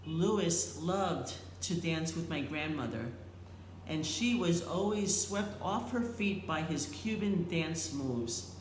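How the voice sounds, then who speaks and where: A middle-aged or older woman reads a prepared eulogy in a tender, solemn, slightly faltering way with deliberate phrasing. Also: deep voice, animated. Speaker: eulogist, family member. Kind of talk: prepared eulogy read aloud. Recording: echoey room, faint background noise.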